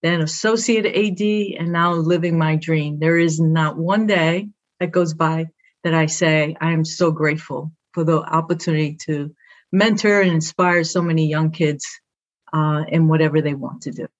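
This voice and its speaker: A woman's voice: low-pitched, steady tone, normal speed, lo-fi sound. A middle-aged woman with a Brooklyn accent, a guest talking proudly and upbeat in short phrases about her work as an athletic director. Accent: Brooklyn New York. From Brooklyn, New York. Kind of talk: conversational interview.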